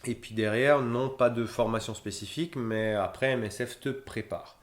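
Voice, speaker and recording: A man in his thirties who works as a humanitarian logistician answers interview questions at a normal pace, rambling with lots of fillers and restarts. His mid-range voice keeps a steady tone, and the room gives it a noticeable echo.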